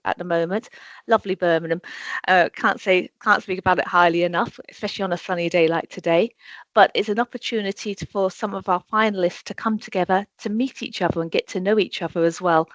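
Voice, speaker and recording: A woman's voice: on the low side, dry recording. A woman speaking for a corporate sponsor on a video call from an office, effusive and full of "you know" fillers. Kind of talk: casual webinar chat. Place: office in Birmingham. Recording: dull, dry video-call audio.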